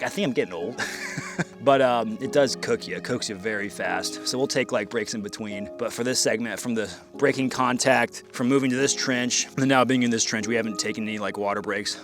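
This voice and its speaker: A man talking casually and informally to camera as a vlog host, outdoors, with plenty of slang. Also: mid-range voice. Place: outdoors in trenches at a shooting range.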